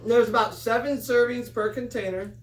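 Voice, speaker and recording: High-voiced man hosting, echoey room. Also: steady tone, moderate pace. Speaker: host of a snack tasting review. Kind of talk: casual group chat, hosting a food review. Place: room with a group of tasters. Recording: roomy echo, distant mic, faint noise.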